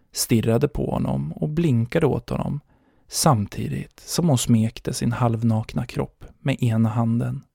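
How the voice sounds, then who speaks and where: A man hosting a podcast, narrating a story in a measured dramatic manner. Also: medium pitch, vocal fry, mellow, no echo, clean studio sound.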